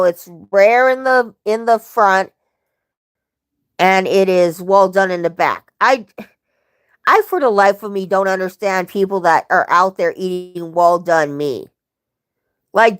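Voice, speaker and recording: A woman's voice: medium pitch, fairly bright tone, clean tone. A young woman chatting on a livestream, telling rambling family stories and often correcting herself. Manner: rambling, self-correcting storyteller. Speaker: livestream host. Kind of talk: casual livestream chat.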